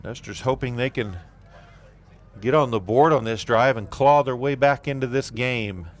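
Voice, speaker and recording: A man doing play-by-play commentary on a local football game, calling plays briskly with relaxed asides. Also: mid-range voice. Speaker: play-by-play announcer.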